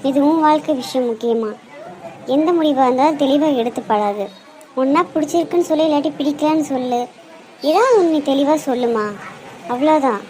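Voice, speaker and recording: Actress plays a firm, demanding old grandmother, high and bright, for a home-made drama. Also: fast, slight background noise, close to an everyday voice. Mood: insistent. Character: stern elderly grandmother on the phone. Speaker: grandmother of the groom.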